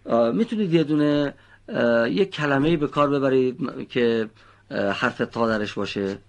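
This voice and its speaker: The speaker is a man with a gravelly, mid-range voice, teaching children to pronounce the letters of Quran recitation. He offers patient, precise explanations and praises the students frequently.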